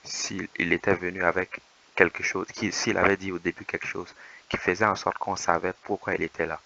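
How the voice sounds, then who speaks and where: Low flat-voiced man coaching calmly. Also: creaky, lo-fi sound. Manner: measured, reassuring, explanatory. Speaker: dating coach commenting on footage. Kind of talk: calm voice-over commentary.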